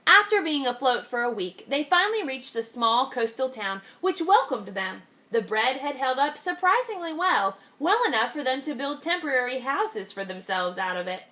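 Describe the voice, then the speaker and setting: This woman, a kindergarten teacher, has a high voice and reads a picture book aloud expressively. Key phrases get extra weight as she slows down for them.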